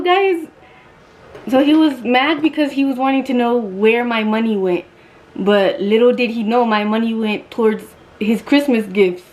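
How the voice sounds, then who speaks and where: A woman's voice: fairly high pitch, poor audio. A young woman vlogger telling a storytime while getting ready, blunt and chatty, swearing freely.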